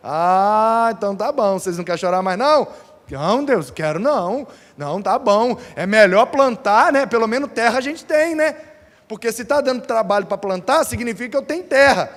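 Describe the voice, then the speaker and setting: A man voicing frightened people pleading with God in a whiny, high voice. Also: lively intonation, moderate pace, a bit bright. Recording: reverberant church hall.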